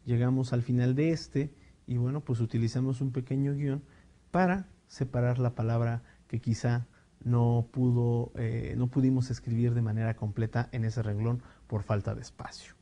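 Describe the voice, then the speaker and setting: A male teacher explaining punctuation rules, reading example sentences slowly with emphasis and checking in with the class. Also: mid-range voice, fairly even intonation, warm tone, muffled recording. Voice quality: clears throat now and then. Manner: explanatory, with frequent fillers and checking "¿sí?". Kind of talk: recorded spelling and punctuation lesson.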